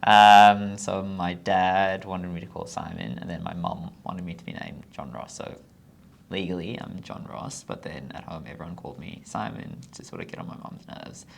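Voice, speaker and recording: Young man from Zimbabwe, podcast guest; very gravelly, hesitant, lots of ums. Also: sits low, animated, normal speed, slight background noise. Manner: hesitant, with frequent ums and short trailing answers. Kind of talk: casual interview chat.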